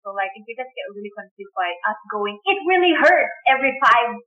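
Young woman guest, earnest, fairly high voice, tinny phone-like call sound. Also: expressive, fairly quick, faint music behind. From Papua New Guinea. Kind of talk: casual chat. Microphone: video call.

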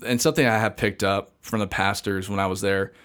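A young man with a slightly low voice talks on a podcast, rambling through restarts, fillers and frequent laughs. He sounds relaxed and conversational. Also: brisk. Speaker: podcast guest, seminary student.

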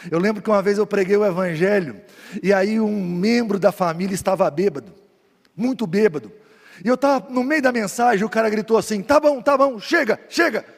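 A man, a pastor telling stories in a sermon, moving between loud preaching and quiet asides. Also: sits high, a little fast, gravelly, big-room sound. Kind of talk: storytelling sermon.

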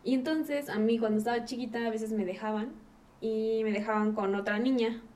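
A woman's voice: fairly high pitch, steady tone, a little fast, a little mellow. A woman with a Mexican accent, a podcast guest telling a childhood ghost story in casual, slangy chat. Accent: Mexican Spanish. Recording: distant mic with faint ambient noise.

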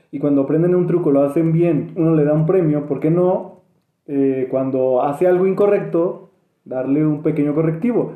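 A podcast co-host with a Mexican accent muses in a casual chat, hesitant and reflective, hedging with many fillers and restarts. His voice sits on the high side, and the audio is narrow and tinny with a roomy sound.

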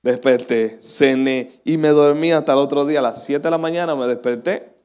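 A man's voice: mid-range voice, normal speed, a little mellow, clean tone. A young man preaching a sermon as a pastor, chatty and self-deprecating, laughing often.

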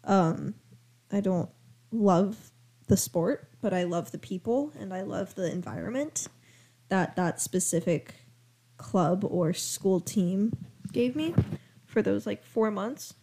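A woman's voice: medium pitch, takes it slowly, dark tone. A teenage girl co-hosting a casual family podcast from a home studio, chatty and giggly, rambling through recaps. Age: teens. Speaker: podcast co-host, daughter. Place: home room turned audio studio.

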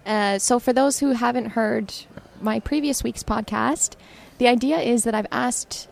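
Podcast host: female, higher voice with noticeable vocal fry, informal delivery, some background noise. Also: measured pace. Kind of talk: casual chat.

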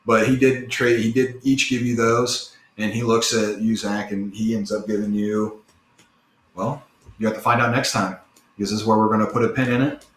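Low-voiced man running a tabletop game. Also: little pitch movement, moderate pace. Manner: loose, rambling, full of fillers. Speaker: game master. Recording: echoey room with faint noise.

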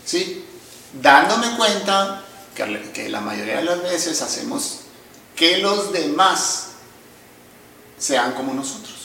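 Bright-toned therapist in echoey room. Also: male voice, fairly high pitch, gravelly, slight background noise. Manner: calm, measured, teacherly, often addresses listeners. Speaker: psychotherapist guest. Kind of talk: explanatory conversation. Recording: echoey room, distant mic.

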